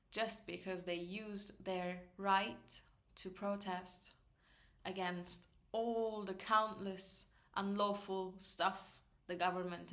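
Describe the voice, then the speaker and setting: A woman filmmaker records an earnest personal message, speaking deliberately. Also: lowish voice, a bit bright.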